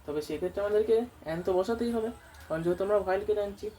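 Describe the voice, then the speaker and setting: A woman's voice: mid-range voice, very fast, warm tone. A woman English tutor teaching a grammar lesson, who keeps asking her students questions and answering them herself. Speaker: English tutor running a coaching centre. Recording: distant mic with faint background noise.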